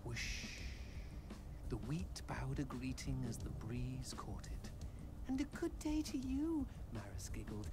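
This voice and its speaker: An actor playing a flamboyant demon skull sidekick who relishes reading a dark storybook aloud, over video game music. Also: male voice, medium pitch, slow, poor audio. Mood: storytelling. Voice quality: theatrical, relishing.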